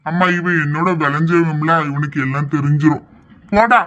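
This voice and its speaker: A cranky old village grandfather, as a man puts him on, waved off from his nap and scolding with gruff impatience. The voice sits fairly high with a bright, forward tone. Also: moderate pace, muffled recording, natural voice. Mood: grumbling. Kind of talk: amateur audio drama acting.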